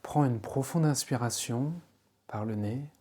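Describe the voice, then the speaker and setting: A male yoga nidra guide leads a guided relaxation meditation in a medium-pitched voice with a soft, warm timbre. His instruction is calm, slow and soothing, with spacious, unhurried pauses.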